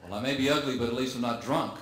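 A man's voice: medium pitch, rapid-fire, a bit bright, slight background noise. A man working as the straight man in a stage comedy ventriloquism act, talking into a stage microphone. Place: large theatre stage. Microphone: stand or handheld stage microphone. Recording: echoey stage, music underneath.

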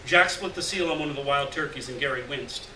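A middle-aged reader at a live event in a small gallery performs a short story with expression, voicing the dialogue in a medium-pitched, fairly quick delivery. The lectern's gooseneck mic and a distant camera give a roomy, far-off recording with faint noise behind him.

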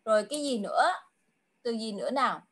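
A woman tutoring a child in an online English lesson over a video call. She coaxes him patiently, repeats her questions, and draws her English clues out slowly. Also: a little high, lively intonation, a bit bright. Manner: slow, drawn-out English clues.

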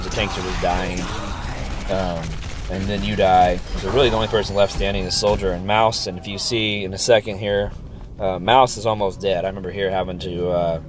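A man with a fairly low voice talks through a friend's match in an easygoing, encouraging way. He is sick, and his voice sounds worn, with lots of ums as he goes. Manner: easygoing, upbeat, many ums. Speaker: gameplay reviewer. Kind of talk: casual gameplay commentary.

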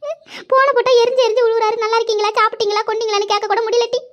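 Shrill weepy village elder sister , woman voicing, quick and very high. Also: lively intonation. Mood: sorrowful.

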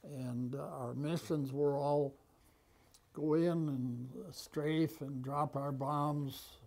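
An American man in his nineties with an aged voice, recounting memories conversationally and haltingly, with long pauses. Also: mid-range voice, steady tone, a little mellow. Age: 90s. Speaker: war veteran being interviewed. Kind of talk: conversational reminiscence. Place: small office, indoors. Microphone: lapel mic.

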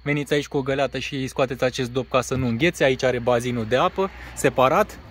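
A man's voice: medium pitch, a bit bright. Man presenting a caravan outdoors. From Romania. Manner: plain, matter-of-fact, pauses with fillers. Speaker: caravan seller. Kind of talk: casual walkaround presentation. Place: outdoors on a grassy lot beside a caravan. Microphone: phone camera held by the speaker.

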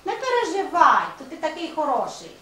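High-voiced woman teacher, echoey classroom. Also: very animated, brisk, bright, forceful tone, recorded from a distance. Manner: patient, coaxing, praising pupils. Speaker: primary school teacher. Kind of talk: open classroom lesson. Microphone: distant camera mic. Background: faint room noise.

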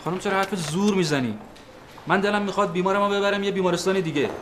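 A man's voice: sits high, fairly bright tone, a little hiss or hum. An actor playing a stubborn man who argues insistently with hospital staff over his niece. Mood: urgent, defiant. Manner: insistent, argumentative. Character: stubborn pushy man, brother, hospital row. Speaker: patient's uncle arguing with hospital staff.

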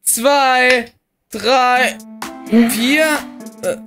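A man with a German accent doing excitable, slang-heavy let's-play commentary and talking to his viewers. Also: very high voice, very slow, over music. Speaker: gaming youtuber.

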